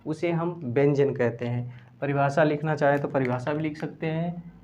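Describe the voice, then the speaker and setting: Male teacher, slow patient dictation. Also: a little high, steady tone, darkish tone. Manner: explains step by step, repeating phrases and slowly dictating definitions. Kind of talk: grammar lesson. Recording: dull lo-fi recording.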